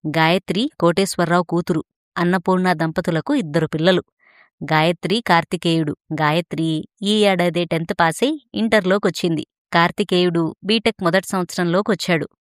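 A woman reading a story aloud in a steady, expressive narrating voice. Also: on the low side, dry recording, studio quality.

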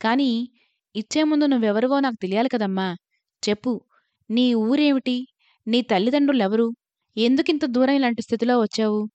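A woman voicing a kind, gentle male temple priest who speaks softly and consolingly. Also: on the high side, normal speed, pauses often, dry recording, natural voice. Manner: soft, consoling, fatherly. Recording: slightly dull, lo-fi recording.

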